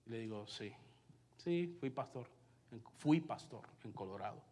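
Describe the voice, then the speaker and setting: A male pastor with a Puerto Rican Spanish accent preaching a sermon and telling his own story, alternating loud emphasis with hushed asides. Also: mid-range voice, animated, a little slow, in a large hall. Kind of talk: sermon with personal testimony. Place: church sanctuary.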